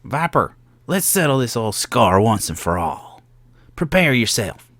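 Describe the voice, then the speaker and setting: A man voicing a gruff, proud and stubborn pirate captain from a video game, with piratical turns of phrase. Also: mid-range voice, sing-song, measured pace, fairly bright tone, dry recording, pitched above the performer's own voice. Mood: threatening. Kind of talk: video game dialogue read-aloud.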